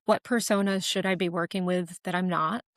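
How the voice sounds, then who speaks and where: A woman podcast guest talking casually, explaining ideas with quick made-up examples. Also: lowish voice, fairly even intonation, no echo, clean studio sound. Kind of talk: casual interview talk.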